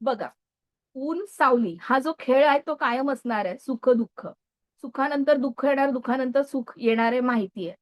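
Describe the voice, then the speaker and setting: Woman in her thirties, live motivational speaker, chatty and engaging, pitched a bit high. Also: moderate pace. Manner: lively, chatty, frequent check-ins with the audience. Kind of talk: live motivational talk to an audience.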